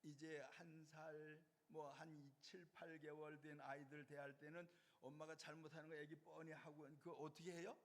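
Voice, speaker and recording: A man delivers a sermon from the pulpit, his somewhat high voice carrying into the long reverb of a church hall. He explains step by step and keeps turning to the congregation with questions before answering them himself. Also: level tone, moderate pace, few pauses. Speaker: pastor. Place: church sanctuary.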